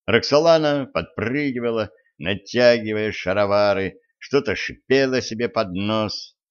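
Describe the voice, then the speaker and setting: Slow, low-voiced male audiobook narrator. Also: clean tone. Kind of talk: scripted fantasy narration. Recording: muffled lo-fi recording.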